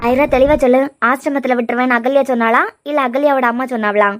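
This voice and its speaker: A woman's voice: high voice, steady tone, quick pace, noisy background, voice pushed down, close to an everyday voice. A woman voicing a tender young caregiver. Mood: soothing. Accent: Kanyakumari Tamil. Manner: soothing, coaxing, tender. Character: gentle young woman caring for a little girl. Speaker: voice artist for a cartoon serial.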